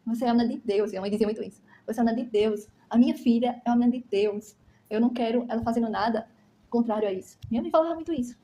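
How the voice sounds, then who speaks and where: Rapid, emphatic Brazilian woman giving testimony, fairly high pitch, slight background noise. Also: dark tone. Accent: Brazilian Portuguese. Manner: emphatic, keeps asking "entendeu?". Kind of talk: personal testimony to camera.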